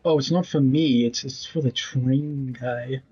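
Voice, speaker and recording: A man's voice: medium pitch, fairly even intonation, a little slow, warm tone, husky, dull audio, faint music behind. A man in his twenties streaming a video game, talking casually with blunt, rambling commentary and casual swearing. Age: 20s.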